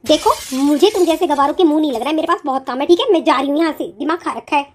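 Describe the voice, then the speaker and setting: A woman's voice: high voice, racing, slight background noise, close to an everyday voice. A woman voicing a bossy, scornful sister-in-law in a cartoon, who scolds with a sneer. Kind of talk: cartoon voice acting.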